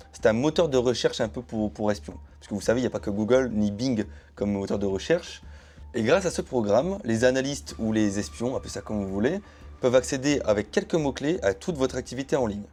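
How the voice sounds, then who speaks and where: A man narrating a true story in a relaxed, conversational way, talking straight to his audience and dropping little asides as he goes. His voice is mellow and warm, pitched around the middle for a man. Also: a little fast. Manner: chatty, addresses viewers directly with asides and hedging phrases. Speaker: YouTube storyteller. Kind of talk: casual explainer narration to camera.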